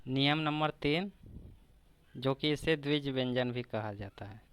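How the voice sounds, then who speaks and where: A man teaching a grammar lesson for exam preparation, slowly breaking down each example word by word and repeating it. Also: mid-range voice, clear, resonant tone.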